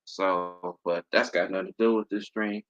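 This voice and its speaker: Casting: deep-voiced man in his thirties, bright forceful delivery, rambling livestream host with lo-fi sound. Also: steady tone, normal speed. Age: 30s. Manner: rambling, many fillers and restarts. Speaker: aviation channel host. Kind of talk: casual livestream talk. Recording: dull lo-fi stream audio.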